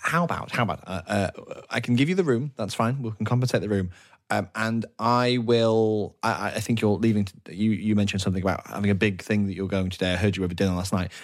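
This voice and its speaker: A man's voice: fairly low pitch, quick pace, natural voice. A man voicing a meek human receptionist who stammers and apologizes. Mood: flustered.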